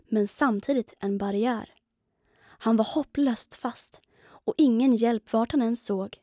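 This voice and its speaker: A woman reading a rhyming children's storybook aloud in a lively way, sometimes dropping to a whisper for suspense, on a close studio mic. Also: fairly high pitch, no room sound. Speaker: audiobook reader.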